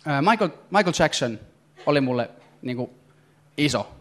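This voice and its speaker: A man performing a stand-up comedy routine on stage, talking in animated, excitable bursts. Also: on the high side, a little hiss or hum. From Finland. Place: comedy stage before a live audience.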